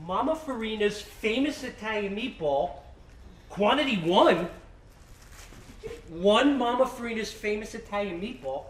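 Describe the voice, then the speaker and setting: A man's voice: high voice, expressive, measured pace. Man playing a flustered baffled guy, stage comedy, rambling and exasperated, far-off echoey theater sound. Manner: exasperated, rambling, talking to himself. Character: flustered middle-aged man baffled by a giant meatball. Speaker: stage actor. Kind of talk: live stage comedy acting. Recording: roomy stage sound from a distant mic, faint hiss.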